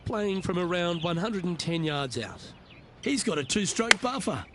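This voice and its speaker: A man giving golf commentary as lead announcer, calling each shot in short, measured phrases. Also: sits high, expressive. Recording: crowd and outdoor noise behind.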